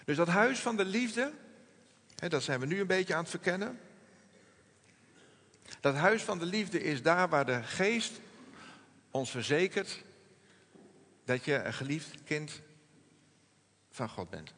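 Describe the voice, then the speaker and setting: A man preaching a sermon in a gentle, reflective manner, slowing and softening his voice on quoted words. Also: a little high, animated, big-room sound. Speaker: pastor.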